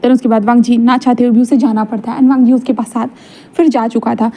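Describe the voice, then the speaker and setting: A woman's voice: on the high side, flat delivery, fast talker, dark tone. A woman casually retelling a fan-fiction story in a chatty way, with frequent "and then" links.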